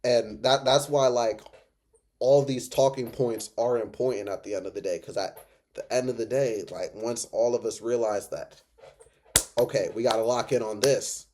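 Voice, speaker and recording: A man's voice: mid-range voice, steady tone, normal speed, darkish tone, a little hiss or hum. A man who is drunk, ranting off the cuff in an emphatic, repetitive, rambling way. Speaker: reaction video host. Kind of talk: impassioned off-the-cuff rant.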